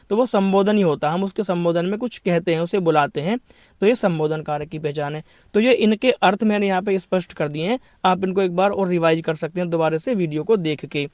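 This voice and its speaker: A man with a high voice teaches an exam-prep grammar lesson. He poses questions and answers them himself, repeating each point. The recording is dry and close. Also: a little mellow, no echo. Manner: explains then repeats each point, asks and answers his own questions; addresses students as brother.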